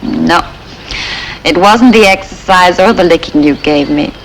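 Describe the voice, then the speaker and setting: Creaky-voiced young heiress. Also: female voice, on the low side, measured pace, a little hiss or hum, low-quality recording. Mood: wistful, confiding. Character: spoiled young heiress, wistful and newly humbled. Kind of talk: film dialogue acting.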